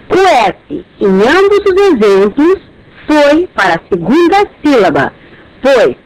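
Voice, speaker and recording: A teacher giving a slow, dictated grammar lesson, carefully spelling out syllables one by one. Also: high voice, slight background noise, low-quality recording.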